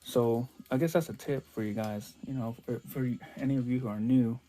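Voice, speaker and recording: A man's voice: mid-range voice, steady tone, normal speed, dark tone. A man chatting casually as he unboxes toy cars for his vlog, rambling and restarting his sentences a lot. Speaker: toy car collector vlogger.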